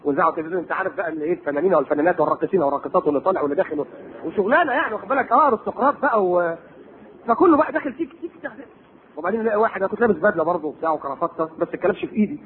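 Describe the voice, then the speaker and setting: Man, Egyptian accent, preacher, very high voice, tinny lo-fi tape sound. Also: racing, slight background noise. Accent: Egyptian Arabic. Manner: animated, rhetorical questions, sarcastic asides. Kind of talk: religious lecture.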